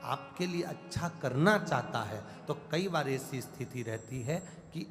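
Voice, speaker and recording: A man's voice: mid-range voice, expressive, a little slow, fairly bright tone. A man from Madhya Pradesh, India, delivering a devotional sermon at a large live gathering, with emotional, dramatic storytelling and repeated invocations. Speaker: preacher of religious discourse. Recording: reverberant hall with music.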